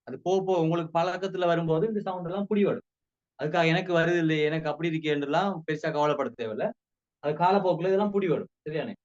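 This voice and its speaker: A man with a Sri Lankan Tamil accent giving a casual spoken language lesson, repeating words slowly for drill. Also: on the high side, a little mellow, lo-fi sound. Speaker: language teacher.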